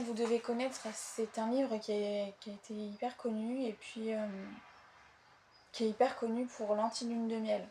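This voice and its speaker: Young woman, chatty, eager, hesitant fillers, slightly high voice, faint hiss. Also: darkish tone. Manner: chatty, enthusiastic, with frequent hesitations. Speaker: book vlogger. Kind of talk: casual chat.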